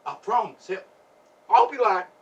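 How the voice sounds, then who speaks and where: An actor playing a swaggering, jealous drifter who teases with mocking laughs, recorded from a distance in a stage drama. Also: male voice, high-pitched, sing-song, measured pace, lo-fi sound. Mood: coaxing. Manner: mocking, cocky drawl with laughs.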